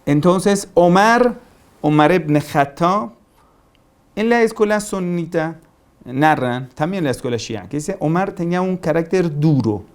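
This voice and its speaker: A man's voice: fairly high pitch, lively intonation, unhurried. A man giving a religious lecture, emphatic and repetitive, asking rhetorical questions. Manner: emphatic, rhetorical questions, repeats key phrases. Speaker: preacher.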